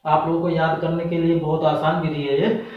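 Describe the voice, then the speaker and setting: A man gives an exam-prep grammar lesson in a patient, repetitive way, asking questions and then answering them himself. His voice sits a little high and comes from some distance off the mic. The room is very echoey and the sound is dull. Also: little pitch movement, brisk. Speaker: Hindi grammar teacher.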